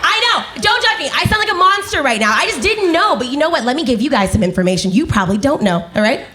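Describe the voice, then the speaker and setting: A woman in her twenties performing a stand-up comedy set on a club stage, animated and acting out other people's voices. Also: sits high, fast, some chatter behind, slight background noise.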